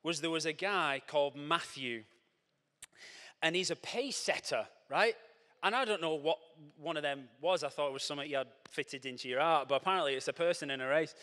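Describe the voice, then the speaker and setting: A man delivers a playful, animated sermon, bright and forceful, with sudden coaching shouts. His fairly high voice rings out with a long hall reverb behind it. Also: a little fast. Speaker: church speaker. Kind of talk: lively sermon with props and audience. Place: church hall.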